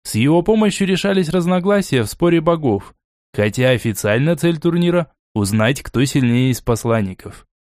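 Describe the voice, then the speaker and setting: A man's voice: a little high, moderate pace, no echo. Man narrating an audiobook, dry sound. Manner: steady, even storytelling. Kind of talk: scripted narration.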